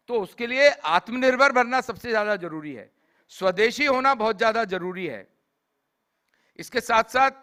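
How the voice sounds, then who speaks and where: A man speaking at a summit with a sore, hoarse throat and a high, bright voice. He talks slowly and deliberately, explaining his points step by step and coughing now and then. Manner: measured, explanatory, switches between Hindi and English phrases. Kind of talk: formal speech to an audience.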